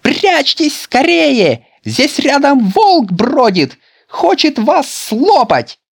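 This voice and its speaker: A man's voice: a little high, very animated, slow pace, pitched above the performer's own voice, heavily acted. A man playing an urgent, bossy schoolboy. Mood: shouting. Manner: urgent, insistent.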